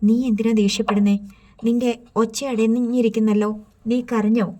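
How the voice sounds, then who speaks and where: Storybook figure: an insistent mother, read by a woman narrator, soft and warm. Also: a little high, little pitch movement, moderate pace, lightly acted. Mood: prying. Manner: pressing questions. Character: prying, insistent mother of a grown son.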